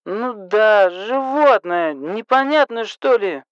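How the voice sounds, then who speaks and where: Man putting on a shrill drunk woman caller. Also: animated, takes it slowly, smooth, no echo, highs cut off. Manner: slurred, shrill, bossy and flirty. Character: drunk, hiccuping, rude middle-aged woman caller.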